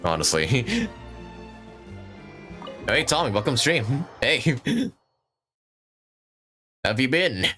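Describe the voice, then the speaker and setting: A man's voice: medium pitch, lively intonation, drawn-out words, pauses often, bright, forceful tone, faint music behind. A young man live-streaming a game, reacting with jokes, laughter and swearing. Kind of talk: casual live-stream commentary.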